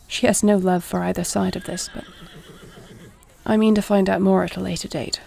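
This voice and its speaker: A woman voice actor, in a mid-range, creaky, mellow voice, plays a duty-bound warrior queen and tender wife in an intimate audio roleplay. She speaks in a measured, earnest, formal way, with a serious, thoughtful mood.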